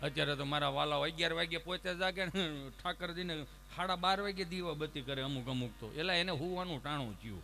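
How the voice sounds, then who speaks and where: A man performing humorous folk storytelling at an ashram event, animated and jokey, with a preacherly turn. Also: fairly high pitch, fairly quick, gravelly, hardly any pauses, slight background noise.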